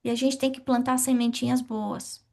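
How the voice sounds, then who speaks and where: A middle-aged woman teaching a spiritist study class, asking questions and answering them herself in a lively way. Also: a little high, normal speed, gravelly.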